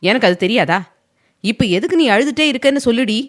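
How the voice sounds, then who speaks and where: A woman voicing a short-tempered young husband who scolds his crying wife in fast, harsh bursts. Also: medium pitch, natural voice. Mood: angry, scolding.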